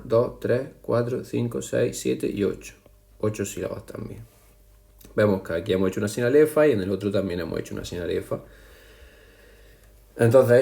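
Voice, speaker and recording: A man teaching a language lesson in a patient, explanatory way, counting syllables aloud slowly and speaking to his students directly. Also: lowish voice, darkish tone. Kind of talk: classroom explanation over slides.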